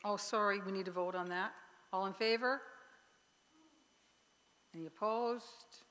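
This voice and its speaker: Woman running a church meeting, halting. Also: medium pitch, a bit bright. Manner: halting, with fillers and restarts. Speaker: meeting organizer. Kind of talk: church annual meeting business. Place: church sanctuary. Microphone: microphone with sound trouble. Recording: long church reverb, faint noise.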